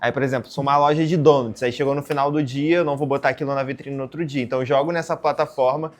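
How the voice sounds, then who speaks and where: A man from Brazil moderating a casual classroom discussion, relaxed and encouraging. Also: medium pitch, very fast. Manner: relaxed, encouraging, slangy remarks. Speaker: teacher moderating.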